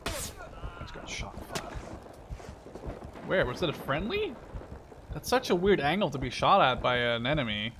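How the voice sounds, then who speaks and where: Over the roar of game gunfire and artillery, a young gameplay commentator rambles and swears when he dies. His voice sits on the high side, very animated at a moderate pace, with long pauses.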